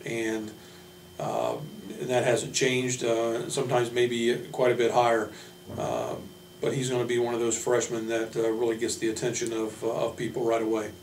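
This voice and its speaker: Pausing often, a male basketball coach gives casual, measured, somewhat hesitant introductions of his players. He has a slightly mellow voice at a middle pitch, captured from a distance in a roomy space with a faint hum underneath.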